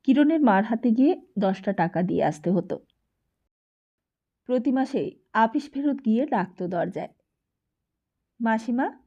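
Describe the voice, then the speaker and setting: A woman narrating a novel as an audiobook in slow, measured storytelling. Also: medium pitch, warm tone. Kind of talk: scripted narration. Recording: dull lo-fi recording.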